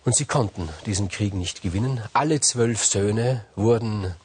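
A man retelling old myths in a loose, spoken way, pausing on fillers and restarting phrases. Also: on the low side, husky. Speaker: storyteller. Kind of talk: casual oral retelling of myths.

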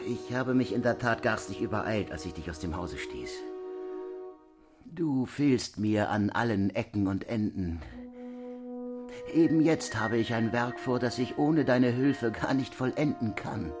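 A man's voice: medium pitch, lively intonation, unhurried, music in the background, natural voice. A man voicing a cunning, menacing older goldsmith in a storybook reading, coaxing and threatening by turns.

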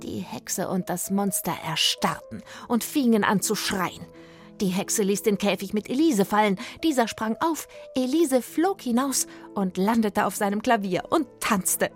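A woman reading a children's story aloud with lively expression. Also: medium pitch, measured pace, faint music behind. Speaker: story reader.

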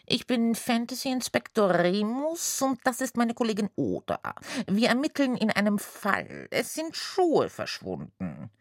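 A woman voicing an earnest young male fantasy inspector who speaks briskly and officially. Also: on the high side, wildly swooping pitch, dry recording, voice pushed up, full character voice.

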